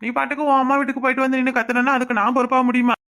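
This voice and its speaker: A woman's voice: high-pitched, level tone, racing, fairly bright tone. A woman voicing a defensive, exasperated middle-aged village husband in a cartoon, with a Kanyakumari Tamil accent. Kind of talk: cartoon voice acting.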